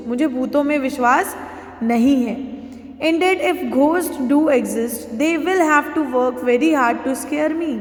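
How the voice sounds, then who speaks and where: A woman teacher with an Indian English accent who reads a story line by line, explains it while switching between English and Hindi, and keeps asking "okay?". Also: high voice. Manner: checks understanding with frequent "okay?". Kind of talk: classroom lesson reading and explaining a story. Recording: echoey room with long reverb.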